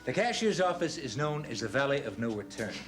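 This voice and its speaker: An actor playing a hospital staffer with dry jokes. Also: male voice, medium pitch, sing-song, a little fast, background noise, lightly acted. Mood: wry. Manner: dry joking.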